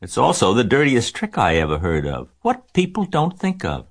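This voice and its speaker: Man voicing a brisk, raised-pitch lady spider. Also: huge pitch swings. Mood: frank. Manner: brisk, firm, composed. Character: brisk, clever, no-nonsense female spider.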